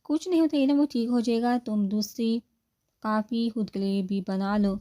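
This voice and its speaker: A woman's voice: mid-range voice, level tone, mellow, lightly acted. A woman voicing a kind young man who soothes his younger sister lightly. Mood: soothing. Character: kind, gentle older brother, young man.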